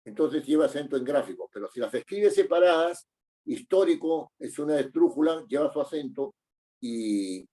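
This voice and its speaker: A middle-aged man with a warm, medium-pitched voice teaches an online class lecture. He explains things patiently, using plenty of fillers and tag questions.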